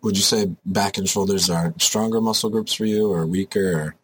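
Husky young guy, casual podcast chat. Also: on the low side, steady tone, normal speed, fairly bright tone. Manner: joking mock-intense ranting about the gym. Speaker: podcast co-host.

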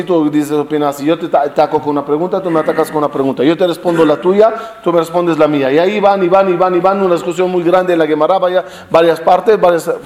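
A Torah teacher leads a lively Talmud class for a live group in a slightly high voice. He tells stories animatedly, poses rhetorical questions, and weaves Hebrew study terms into his speech.

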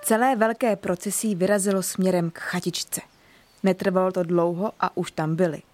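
A woman narrating a children's story in an even, clear storytelling manner. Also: fairly low pitch, soft background music.

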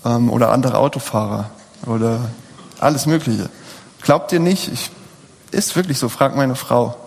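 A man's voice: medium pitch, moderate pace, creaky, darkish tone, slightly rough. A man in his thirties preaching a sermon in a conversational way, often putting rhetorical questions to the audience. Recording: long hall reverb.

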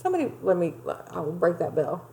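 A woman in a casual podcast chat, recapping a reality show in a crude, profane, animated way. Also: lowish voice, fast. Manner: crude, profane, animated storyteller who mimics people.

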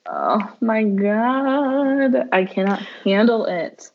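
Woman co-host, casual excited chat, a little muffled. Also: fairly high pitch, drawn-out words. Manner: excited, swears casually, laughs often. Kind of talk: casual chat reviewing a TV show.

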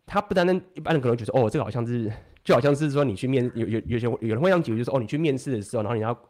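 Fast-talking man in casual chat. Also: mid-range voice. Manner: fast, animated, swears casually, many restarts.

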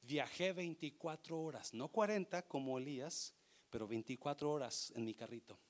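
A man preaching a sermon, swinging between loud emphatic lines and soft, hushed storytelling, with bits of English mixed in. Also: a little high, normal speed.

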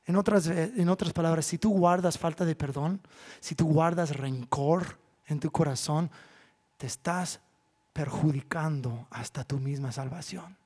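A man, a pastor preaching a sermon in church, swinging from loud, drawn-out appeals to hushed asides. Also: fairly high pitch, slightly rough.

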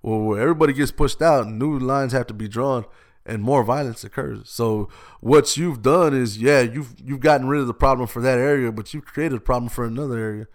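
A man's voice: medium pitch, brisk. A man from Austin, talking earnestly and at length as an interview guest, with frequent restarts. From Austin, Texas. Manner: earnest, heartfelt, rambling with restarts. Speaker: guest, youth gang-prevention worker. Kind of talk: casual conversational interview.

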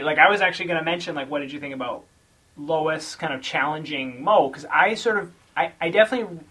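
A speaker thinking out loud about a comic series, hedging and restarting sentences. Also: medium pitch, breathy edge. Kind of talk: casual book discussion.

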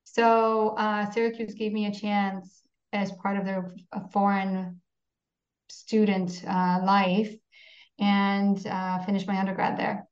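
Over dull, roomy video call audio from her home office, a company CEO in her 40s from Poland, a native Polish speaker, chats as a guest in a casual interview. Her mid-range voice is slow and flatly delivered. She comes across as candid, with dry humor and plenty of "uh" fillers.

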